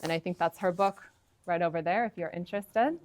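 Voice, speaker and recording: A woman with a lowish voice hosts an event and introduces the speakers in a casual, informal way. She often pauses on fillers and corrects herself mid-sentence, and her voice comes through dry and close. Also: no echo. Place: conference room.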